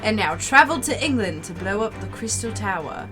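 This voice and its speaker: A woman's voice: medium pitch, lively intonation, normal speed, natural voice. A woman voicing a pompous, eccentric male detective with grandiose, old-fashioned phrasing over game music.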